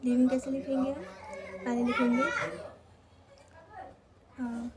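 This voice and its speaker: Slow, high-voiced woman teaching step by step. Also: little pitch movement, noisy background. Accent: Hindi. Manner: slow, repeats each step, checks in with "theek hai". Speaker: shorthand teacher. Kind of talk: step-by-step lesson.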